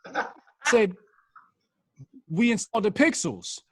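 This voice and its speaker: A man's voice: high voice, very animated, slow pace, fairly bright tone, slightly rough, dry recording, rough recording. A man telling a story in a casual, profane and emphatic way, his voice coming through a garbled, freezing video-call connection. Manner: profane, emphatic, quotes himself in dialogue. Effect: choppy, garbled audio from a freezing video call. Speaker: podcast guest.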